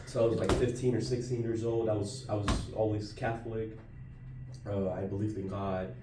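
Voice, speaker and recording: A man's voice: on the low side, flat delivery, moderate pace, recorded from a distance, very noisy. A man from Colombia in a casual discussion, speaking earnestly and often restarting his words. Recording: roomy audio from off-mic.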